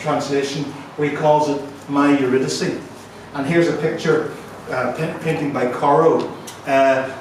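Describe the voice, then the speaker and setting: A man's voice: fairly high pitch, slight background noise. Chatty Northern Irish man lecturing in an echoey room. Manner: chatty, self-deprecating, frequent ums and restarts. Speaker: guest lecturer. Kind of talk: university lecture. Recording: echoey room, mic at a distance.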